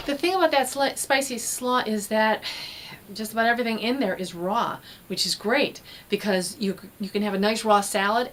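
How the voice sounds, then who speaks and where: A woman's voice: mid-range voice, a bit bright, slight background noise. A middle-aged woman hosting, giving casual, informative commentary to camera. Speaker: host giving nutrition commentary. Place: indoor room with bookshelves.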